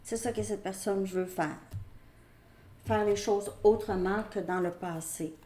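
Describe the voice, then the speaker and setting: Slow-spoken Québécois woman reading tarot. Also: mid-range voice, steady tone, dark tone. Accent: Québécois French. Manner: slow, hesitant, many fillers and restarts. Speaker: tarot reader.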